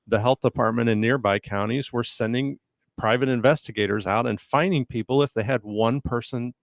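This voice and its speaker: A man with an American accent answering as a guest in a casual radio interview, haltingly and often repeating his words. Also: medium pitch, gravelly, no echo. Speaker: interview guest, county development director. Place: radio studio.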